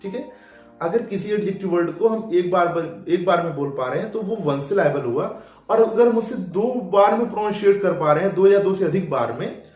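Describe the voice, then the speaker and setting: A man teaching a grammar lesson at a board, lively and often telling students to pay attention. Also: sits high, moderate pace. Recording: very echoey room, voice from far off, faint music.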